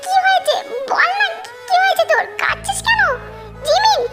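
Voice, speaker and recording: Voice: very high-pitched, moderate pace, bright, forceful tone, faint music behind. A performer voicing a young woman friend who teases and pries in a fan audio drama. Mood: teasing. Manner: teasing, prying.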